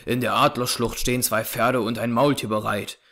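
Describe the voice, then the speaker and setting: A man reading aloud, voicing a grim, determined young frontier hunter in a low, hushed, firm tone. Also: steady tone, normal speed, close to an everyday voice. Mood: urgent. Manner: urgent, clipped and firm. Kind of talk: audiobook character reading.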